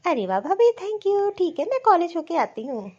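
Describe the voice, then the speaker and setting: A woman's voice: very high-pitched, sing-song, normal speed, darkish tone, highs cut off. A woman voicing a friendly young college-going sister-in-law who sweetly compliments her brother's new wife.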